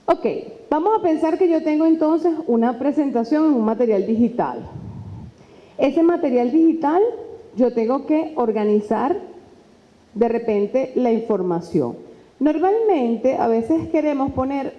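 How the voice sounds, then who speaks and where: A woman lecturer, talking lively and conversationally into a microphone and acting out quoted dialogue. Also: high voice, unhurried. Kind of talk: lecture on presentation skills. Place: lecture hall. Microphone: handheld microphone. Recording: dull sound with long hall reverb.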